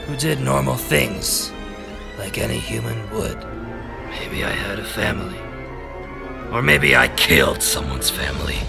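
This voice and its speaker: A man voicing a grotesque undead villain bent on immortality, speaking in a disguised deep, gravelly voice. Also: heavily acted. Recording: music playing underneath.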